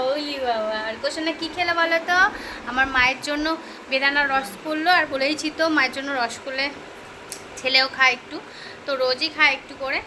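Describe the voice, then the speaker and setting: A young woman narrating a casual home vlog, chatting straight to her viewers and cooing baby talk to her son. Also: high voice. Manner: chatty, addresses viewers directly. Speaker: vlogger. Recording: noisy home ambience.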